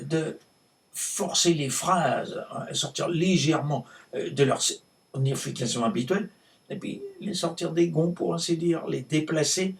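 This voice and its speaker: A male actor playing a cantankerous, world-weary French novelist in a hammy, halting, emphatic stage monologue with a gravelly voice. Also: a little high. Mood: insistent. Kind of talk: theatrical monologue performed in a conversational ramble. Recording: distant microphone.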